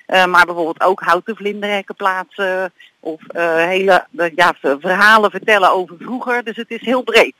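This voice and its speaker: Bright, chatty woman on a walk. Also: fairly low pitch, moderate pace, no room sound, poor audio. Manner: chatty and enthusiastic, frequent hesitations. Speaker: guest from a regional fund. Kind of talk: phone-in radio interview while walking. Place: outdoors, on a walk.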